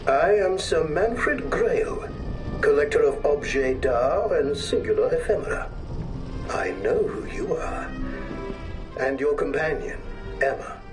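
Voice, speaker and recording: A man's voice: on the high side, animated. A man voicing a sly, theatrical aristocratic collector whose message plays from an old phonograph cylinder in a video game. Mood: grandiose. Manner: grand, drawn-out theatrical speech. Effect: played back from an old phonograph cylinder. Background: music.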